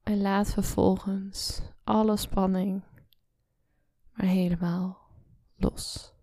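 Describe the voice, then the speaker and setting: A woman guiding a relaxation meditation, speaking slowly and softly, often in a whisper, close to the mic. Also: mid-range voice, flat delivery, no echo. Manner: slow soft-spoken, often whispering. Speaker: meditation guide.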